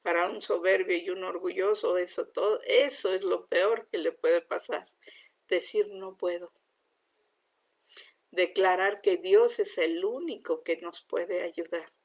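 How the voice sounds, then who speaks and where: Middle-aged woman, heartfelt testimony, slow and unhurried, drops soft, gravelly texture. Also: fairly low pitch, steady tone. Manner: heartfelt, often sinking to a soft, near-whispered voice. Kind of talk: spoken religious testimony.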